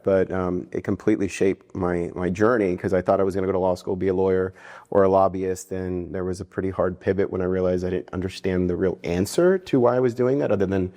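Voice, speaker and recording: A man in his forties speaks in a low, deep register with a mellow, relaxed tone. He answers interview questions earnestly and reflectively. He often restarts his sentences and leans on "um" and "uh". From United States (New Jersey). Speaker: interview guest, philanthropy fundraiser.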